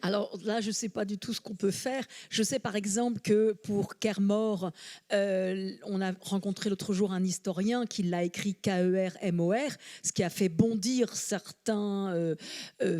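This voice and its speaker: A woman's voice: mid-range voice, dark tone. A woman who is a local elected official, answering questions at a public meeting with a hesitant, explanatory manner.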